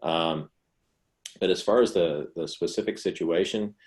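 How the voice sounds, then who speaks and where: A man presenting a talk and answering questions in an online session, explaining in a relaxed conversational way with frequent restarts. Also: deep voice, unhurried.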